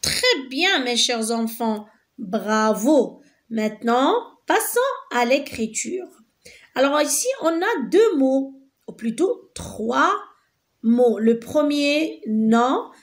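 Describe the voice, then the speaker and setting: A woman teacher giving a lesson to young children, gentle and patient, repeating each word slowly and clearly. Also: high voice, expressive. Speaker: primary school teacher. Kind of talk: slow, patient classroom lesson.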